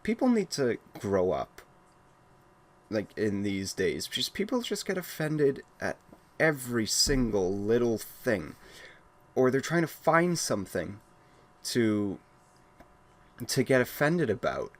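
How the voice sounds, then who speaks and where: A man's voice: mid-range voice, big pitch swings, takes it slowly, long pauses. A young man from Wales ranting at home, blunt and exasperated, often restarting his sentences. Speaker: gaming channel host. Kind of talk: casual ranting monologue.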